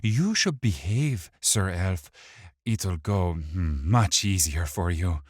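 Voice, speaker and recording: A man's voice: deep voice, lively intonation, takes it slowly, husky, no room sound, studio quality, full character voice. A man voicing a small, wiry male thief who taunts his captive in a mocking, sing-song way and hides a psychotic rage.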